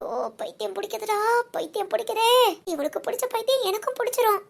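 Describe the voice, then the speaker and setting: A woman's voice: very high voice, expressive, a little fast, a bit bright. A woman voicing a teasing, exasperated young female best friend in a cartoon. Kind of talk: cartoon voice acting.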